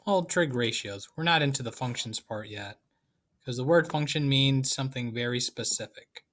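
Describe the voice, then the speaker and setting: A man's voice: medium pitch, moderate pace, fairly bright tone. A man teaching a math lesson in a casual, playful way with joking asides. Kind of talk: casual lecture.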